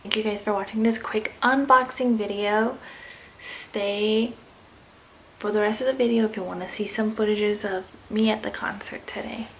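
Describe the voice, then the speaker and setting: A woman with a slight lisp from wearing retainers, chatting casually and excitedly to viewers in an unboxing vlog. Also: medium pitch, moderate pace, slight background noise, poor audio. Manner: informal, excited, addressing viewers as guys. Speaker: vlogger.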